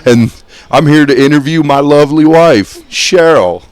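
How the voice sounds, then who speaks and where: A man's voice: fairly high pitch, normal speed. Teasing man interviewing his wife. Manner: teasing, playful. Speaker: guest interviewer, host's husband. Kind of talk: casual joking chat.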